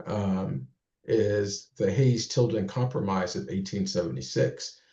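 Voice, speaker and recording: A man speaking at an online meeting, thinking aloud with many pauses and fillers. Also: on the low side, dark tone, reverberant, highs cut off. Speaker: guest speaker.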